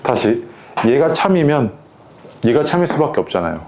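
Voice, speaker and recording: A man's voice: mid-range voice, big pitch swings, moderate pace, darkish tone. A man teaching a math lesson in a casual, conversational way, often asking his students whether they follow. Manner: casual, keeps checking in with students. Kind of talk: lecture to students.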